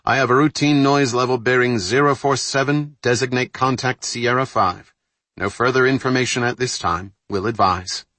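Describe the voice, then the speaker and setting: A male audiobook narrator voicing a submarine sonar operator who gives crisp, clipped reports through a rattling bulkhead speaker. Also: mid-range voice, fairly even intonation, moderate pace, bright, forceful tone, no room sound, voice pushed up.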